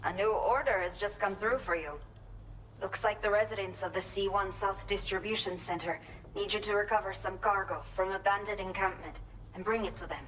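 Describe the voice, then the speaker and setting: An actress voicing a pregnant former bandit woman with a Mexican accent in a video game, earnest and measured. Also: medium pitch, fairly even intonation, fairly bright tone, slight background noise, close to an everyday voice, low-quality recording. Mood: businesslike. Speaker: game character giving delivery orders.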